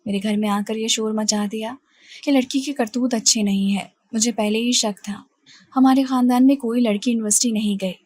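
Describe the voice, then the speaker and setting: A woman's voice: fairly high pitch, steady tone, a little mellow, dry recording. A woman narrating an emotional first-person story in a dramatic, scripted way.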